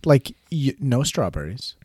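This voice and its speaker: A man's voice: mid-range voice, big pitch swings, a little slow, a little mellow, husky, no echo. A man co-hosting a podcast in casual football chat, laid-back, with lots of agreeing interjections and dry jokes. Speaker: podcast co-host.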